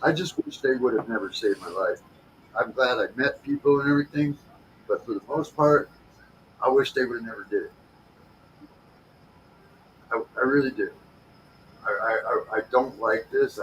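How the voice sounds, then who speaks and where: A man speaks casually on a home livestream, blunt and frustrated, with swearing running through his talk. His voice sits at an ordinary middle pitch. A faint noise runs underneath. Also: moderate pace, pauses often, a bit bright, rough recording. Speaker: livestream host.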